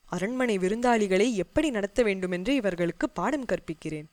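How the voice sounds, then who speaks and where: A woman voicing a bold young male warrior envoy who speaks in rapid, defiant outbursts. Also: medium pitch, animated, a little mellow, dry recording, close to an everyday voice. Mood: indignant.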